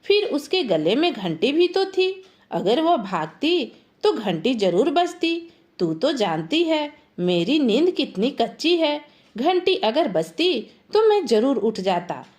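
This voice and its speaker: A woman's voice: high voice, very animated, measured pace. A woman voicing a distraught, irritable village farmer man who has lost his buffalo. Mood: irritated. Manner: grumbling, irritable.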